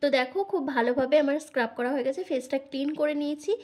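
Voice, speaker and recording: A hoarse woman with a Bengali accent from India, giving a skincare tutorial to her viewers as a vlogger. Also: high voice, fairly even intonation. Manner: brisk, instructive, addresses viewers directly. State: hoarse from illness. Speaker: beauty vlogger.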